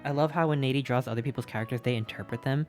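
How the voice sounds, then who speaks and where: A streamer gushing over fan art in casual live-stream chat, excitable and repeating itself, a little out of breath. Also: medium pitch, very fast. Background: faint background music.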